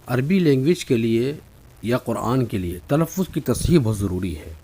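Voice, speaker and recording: A man teaching Arabic pronunciation, patiently saying each letter sound slowly and repeating it for students to copy. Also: medium pitch, very animated, noisy background. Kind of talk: spoken lesson.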